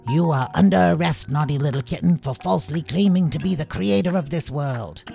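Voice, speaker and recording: Man voicing squeaky taunting hobgoblins. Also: fairly quick, vocal fry, dark tone, faint music behind. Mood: pompous. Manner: taunting, sing-song teasing. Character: cheeky squeaky hobgoblin gang, mocking and pompous.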